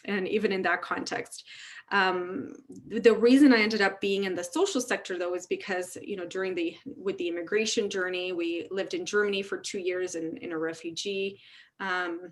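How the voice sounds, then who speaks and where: Candid woman in a fast-flowing interview. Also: fairly low pitch, steady tone. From Romania. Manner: candid, fast-flowing talk with many restarts. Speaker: interview guest, tech CEO. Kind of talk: casual interview conversation.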